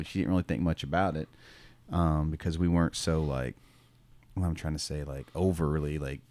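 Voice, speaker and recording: With a bass voice captured in a dry recording, this male schoolteacher and podcast co-host spins a casual, rambling story. Fillers such as "um" and "you know" pile up, and he breaks into the odd laugh.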